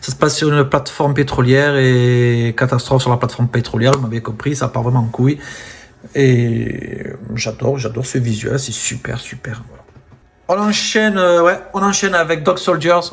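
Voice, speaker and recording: A man chatting casually about films from his collection, full of fillers, often trailing off softly at the ends of phrases. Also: mid-range voice, moderate pace, creaky, breathy edge. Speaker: film collector presenting his steelbooks. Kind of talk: casual unboxing-style chat.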